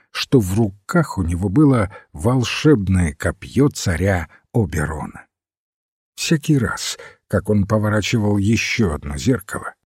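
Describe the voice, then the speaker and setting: Slow, husky male audiobook narrator. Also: lowish voice, no echo, clean studio sound. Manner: measured, even storytelling. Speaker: audiobook reader. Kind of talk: scripted narration.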